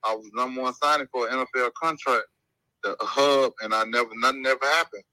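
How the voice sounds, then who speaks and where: A young man heard through a phone on speakerphone, held up to a microphone. His voice is sharp and very bright, with a dry sound. He rambles casually through his story, linking each event with "and then after that.". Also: mid-range voice, steady tone, brisk, dry recording. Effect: phone call played over speakerphone held to the mic. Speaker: guest football player.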